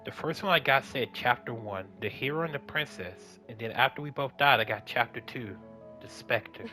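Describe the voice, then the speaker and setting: A young man playing a game and reading its text aloud, playful and excitable, swearing and breaking into loud outbursts. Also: medium pitch, moderate pace, faint music behind. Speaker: let's play gamer.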